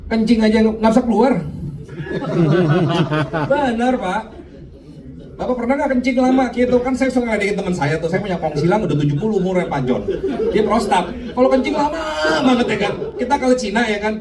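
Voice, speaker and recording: A man's voice: sits high, expressive, brisk, a crowd in the background. A man giving a sermon with a personal testimony at a men's fellowship. He talks animatedly and keeps addressing his listeners directly. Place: church men's meeting room. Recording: echoey room, far from mic, light noise.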